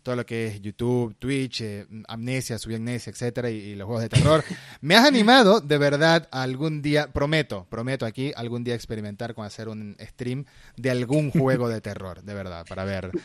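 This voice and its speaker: A man's voice: mid-range voice, a little fast, clean tone, dry recording. A man hosting a casual interview, joking and laughing easily, recorded close and dry. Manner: jokey, self-mocking, bursts of laughter. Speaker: podcast host.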